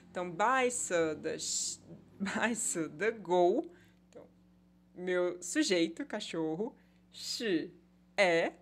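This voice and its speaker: A woman teaching a basic Mandarin class online. She explains patiently, checks in with "tá?", and slows down to model the Chinese words. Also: mid-range voice, a little hiss or hum. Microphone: recorded online class.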